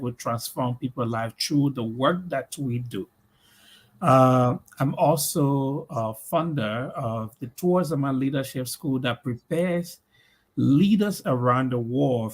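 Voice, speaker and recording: A middle-aged Liberian man answering interview questions slowly, pausing often with "uh". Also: mid-range voice. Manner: slow, measured, with many "uh" pauses. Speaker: guest, community leader.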